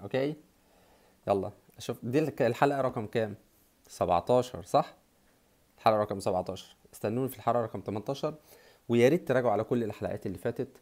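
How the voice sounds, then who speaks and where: A young man with an Egyptian Arabic accent, teaching an online English lesson with energy, drilling words slowly and having viewers repeat them. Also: lowish voice, a little mellow.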